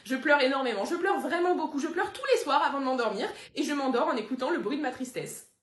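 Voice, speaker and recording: A young woman performing comedy sketches, switching between deadpan sarcasm and giddy chatter. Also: high-pitched, quick pace, echoey room.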